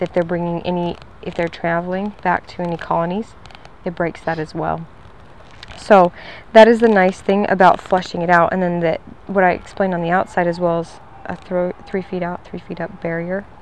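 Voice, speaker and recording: A woman with a lowish voice goes door to door selling pest control, delivering a friendly, upbeat, talkative sales pitch outside at a house's front door. The audio is poor, with slight background noise.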